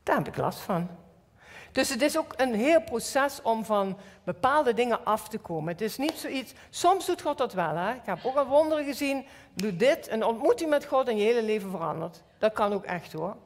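Woman, Limburg Dutch accent, middle-aged, church sermon, somewhat high voice, long hall reverb. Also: normal speed. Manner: personal, animated storytelling with acted inner voices. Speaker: church speaker.

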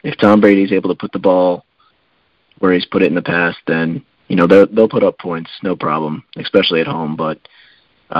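A man co-hosting a casual sports podcast, relaxed and hedging, with lots of fillers. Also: low-pitched, no echo, highs cut off. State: coughing. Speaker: podcast co-host.

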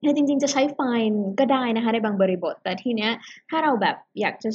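A woman's voice: fairly high pitch, brisk, a little mellow, breathy edge, muffled recording. A woman co-hosting a casual language-learning podcast, chatty, often laughing and mixing English terms into her explanations. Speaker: podcast co-host and English teacher. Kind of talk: casual bilingual podcast chat.

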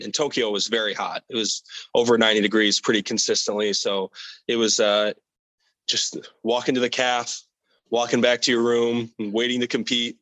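A young man answering interview questions about competing abroad in a relaxed, casual way, with many fillers and repeated words. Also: mid-range voice, dry recording, low-quality recording. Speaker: athlete guest.

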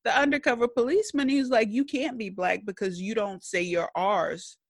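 A woman's voice: on the high side, fairly even intonation, fairly quick. A woman from New Orleans chatting casually, who tells stories animatedly and acts out quotes. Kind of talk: casual conversation.

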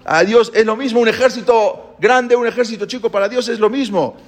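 A man's voice: extremely high pitch, fairly quick, voice pushed up. A man voicing a fervent ancient male war leader, rousing his few troops with impassioned faith. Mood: rallying.

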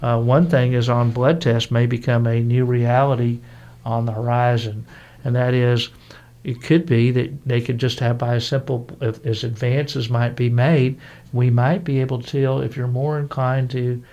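A man with a gravelly, creaky voice talks in a relaxed, folksy way. He circles back on himself often, restarting phrases and filling gaps with "uh" as he works his point out loud. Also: medium pitch, highs cut off. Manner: rambling, halting with many restarts and fillers. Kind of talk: casual radio chat.

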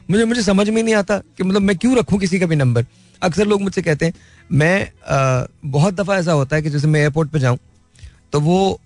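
In a high voice with no echo, a man shares his views on life in a casual, reflective way. He comes across as earnest, mixes in English phrases, and laughs lightly.

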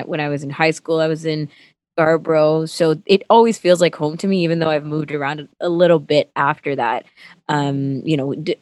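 A woman's voice: deep voice, dry recording. A chatty woman in her twenties, guest on a casual radio talk show, who laughs easily. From Canada. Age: 20s. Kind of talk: casual interview chat.

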